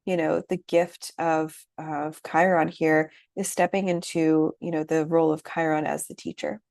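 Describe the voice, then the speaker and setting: A woman teaching an astrology workshop in a gentle, reflective way, often pausing with fillers. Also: sits low, little pitch movement, vocal fry, no echo, studio quality. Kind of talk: lecture.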